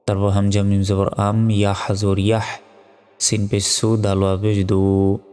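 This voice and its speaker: A man teaching Quran reading, spelling out each word slowly and evenly, then reciting it in long drawn-out tones. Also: on the low side, smooth, in a large hall. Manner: slow, even spelling drills, with drawn-out recitation.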